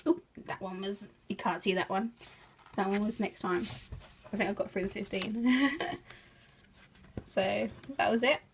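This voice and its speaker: This craft vlogger from England speaks in a mid-range, creaky voice, a little slowly and with frequent pauses, over slight background noise. Showing off her handiwork, she chats casually, giggles a lot, and makes self-deprecating jokes.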